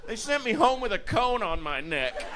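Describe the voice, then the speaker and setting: A man with a fairly high, animated voice delivers a stand-up set on stage and shouts his punchlines. He slips into the voices of people from his stories. The live recording carries a steady noise underneath. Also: moderate pace, crowd noise. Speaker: stand-up comedian. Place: comedy stage before a live audience. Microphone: handheld mic on a stand.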